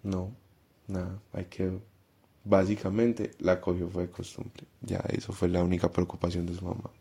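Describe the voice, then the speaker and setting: A young man with a Paisa accent from Colombia, guest on a casual podcast. He tells his story in a deep, husky voice, slipping into the voices of the people in it. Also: level tone, moderate pace, dark tone. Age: 20s. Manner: acts out dialogue while telling a story. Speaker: guest, primary school teacher.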